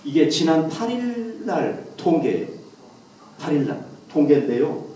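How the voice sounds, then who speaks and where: A male pastor preaching a lively sermon to his congregation and acting out quoted lines with a rising voice, recorded at a distance in a church hall. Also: on the high side, a little slow.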